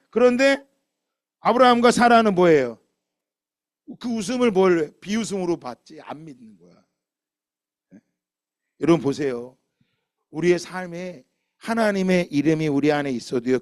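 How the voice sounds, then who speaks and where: A man preaching a sermon as a pastor, asking the congregation questions and answering them himself, swinging between loud emphatic lines and quiet low ones. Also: dry recording, clean studio sound.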